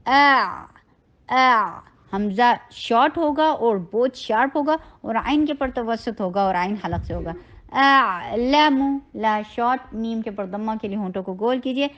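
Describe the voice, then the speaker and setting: A high-pitched woman gives a tajweed lesson in a step-by-step instructive manner, drawing each word out slowly before briskly explaining how to form it. The recording sounds dull and lo-fi. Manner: recites words very slowly and stretched, then explains briskly; instructive, gives step-by-step mouth and throat directions. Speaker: Quran recitation teacher.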